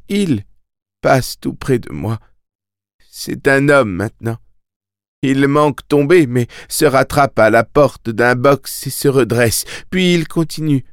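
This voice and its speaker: A man voicing a frightened young boy who haltingly recalls a horror while in a trance, in an audiobook. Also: mid-range voice, no room sound, clean studio sound, voice pushed up. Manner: halting, fearful, speaking in the present tense. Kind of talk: audiobook character voice.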